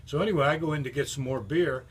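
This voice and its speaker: An older man endorses a longtime friend's books while telling folksy, rambling anecdotes about him in a casual storytelling way. His voice is a little high and quick, with slight background noise.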